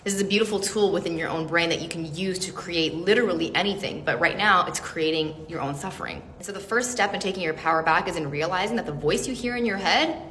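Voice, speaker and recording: A woman's voice: on the low side, fast talker, few pauses, fairly bright tone. A woman giving an earnest, emphatic motivational talk in a casual way, now and then swearing for emphasis. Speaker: self-help speaker. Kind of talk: motivational monologue to camera. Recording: long reverb, faint background hiss.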